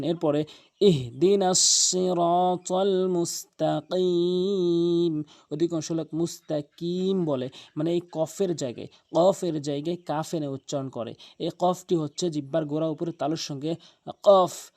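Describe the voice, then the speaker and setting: A man teaching Quran pronunciation, explaining mistakes plainly and chanting the correct recitation slowly and drawn out. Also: on the high side, dark tone. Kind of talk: tajweed lesson with demonstrated recitation.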